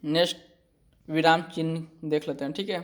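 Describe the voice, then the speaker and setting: A man teaching an exam-prep lesson. He reads out each point and then explains it again more simply, often pausing to check with his students. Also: fairly high pitch, level tone. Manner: slow and deliberate, often checking with "ठीक है".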